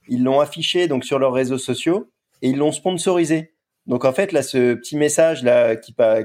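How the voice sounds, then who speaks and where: Mellow-voiced man rambling on a podcast. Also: medium pitch. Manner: rambling, repeats words. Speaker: podcast co-host. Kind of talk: casual podcast chat.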